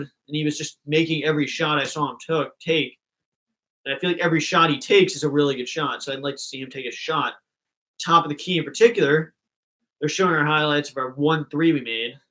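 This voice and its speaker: A man's voice: fairly high pitch, a bit bright, rough recording. A young man hosting a live fan reaction stream, chatting casually and rambling between thoughts.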